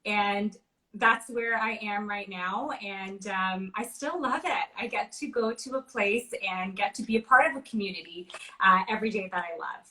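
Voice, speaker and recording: A woman from Trinidad and Tobago, a university recruitment manager, answering interview questions in a friendly, measured way with frequent fillers. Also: medium pitch, pushed and bright, poor audio. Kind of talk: livestream interview.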